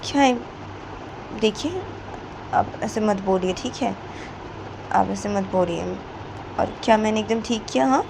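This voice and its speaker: A woman's voice: mid-range voice, a little slow, gravelly, pauses often, background noise, voice pushed up. A woman doing a pleading protective mother. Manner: pleading, placating, repeats requests.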